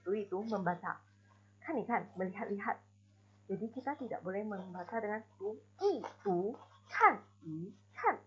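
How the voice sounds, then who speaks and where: Woman teacher, breathy voice, patient step-by-step class explanation, muffled recording. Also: medium pitch. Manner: slow, deliberate explanations with spoken examples. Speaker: Mandarin teacher. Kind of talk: recorded online class lesson. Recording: dull lo-fi recording.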